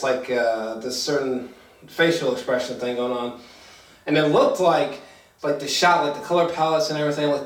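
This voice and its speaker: This time the reviewer has a mid-range voice, and the recording still sounds roomy and echoey from a far-off mic. Excited and stumbling, he swears freely in slang and circles back over the same points while riffing on a movie off the cuff.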